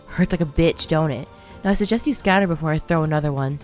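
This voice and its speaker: A woman's voice: on the low side, moderate pace, soft background music, lightly acted. A woman voicing a small, tough old grandmother who speaks bluntly and threatens bullies in folksy talk. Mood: menacing. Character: fierce gravel-tongued old grandmother, small but tough.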